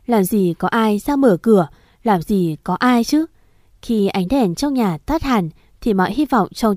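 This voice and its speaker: A woman tells a scripted ghost story in the first person, in a sad, measured way. Her voice sits at a middling pitch and sounds dry and close, as if recorded right at the mic with no room around it. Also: dark tone, no echo.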